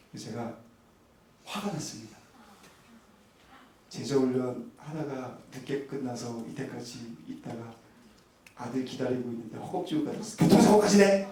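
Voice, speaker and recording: Animated man preaching in a roomy hall. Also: medium pitch, slight background noise. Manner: animated storytelling, acts out quoted voices, chuckles often. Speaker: pastor. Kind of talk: sermon with personal anecdote. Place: church sanctuary. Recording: roomy church hall, voice from a distance.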